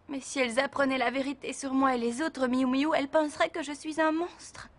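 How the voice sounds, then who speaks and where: Flustered teen Zoé. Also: female voice, sits high. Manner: nervous, rambling, self-talking. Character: bashful lovestruck teenage girl, flustered. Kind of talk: cartoon dub acting.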